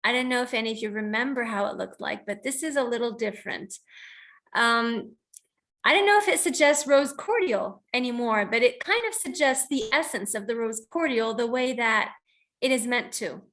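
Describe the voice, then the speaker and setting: Speaking at a moderate pace in a high, fairly bright voice, this American poet leads an online reading through a video call. She introduces and reads her poems in a relaxed way, thoughtful and explanatory.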